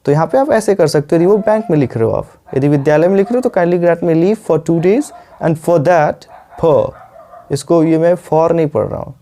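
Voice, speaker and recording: A man teaching English in a patient video lesson, often pausing to check with the viewer. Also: a little high, warm tone. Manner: patient, repeats words, frequent "ठीक है" checks.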